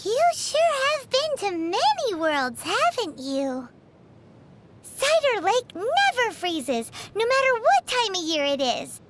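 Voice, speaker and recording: Paimon, a squeaky cheeky sprite. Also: female voice, wildly swooping pitch, takes it slowly, heavily acted. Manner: bubbly, cheeky, refers to herself by name. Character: tiny cheeky floating girl companion, chatty. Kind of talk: video game dub dialogue. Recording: game audio with music behind.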